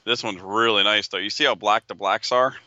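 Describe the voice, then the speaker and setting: A man chats casually as a co-host with a lowish, very forceful voice. He argues his opinions persuasively. The recording is dry and a bit lo-fi. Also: fairly even intonation, fairly quick, no echo. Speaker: podcast co-host. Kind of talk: casual chat.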